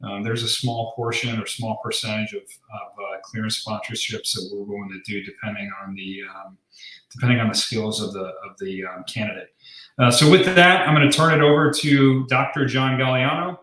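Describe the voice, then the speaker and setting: A man's voice: lowish voice, fairly even intonation, normal speed, a bit bright, reverberant, rough recording. A man giving an informal, explanatory recruiting presentation to a group on a call, as a recruiter listing open positions.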